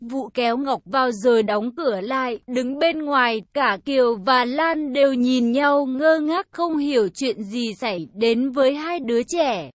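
High-voiced lady reading a story, slow and even, dry sound. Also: no room sound.

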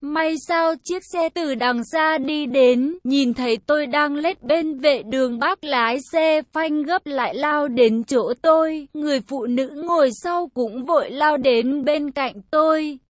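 A woman narrating a dramatic first-person story in a slow, somber storytelling voice. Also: high voice, dry recording.

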